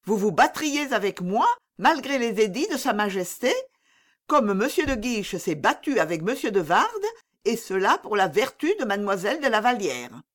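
Reading an audiobook, a woman with a medium-pitched, sing-song voice at normal speed plays an imperious, impatient young princess. The royal lady is haughty and exasperated, pressing and needling with irony.

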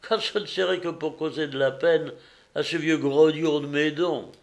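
A man's voice: steady tone, normal speed, close to an everyday voice. A man reading aloud and voicing a petulant, spiteful young girl in a crowd. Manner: petulant, shrill.

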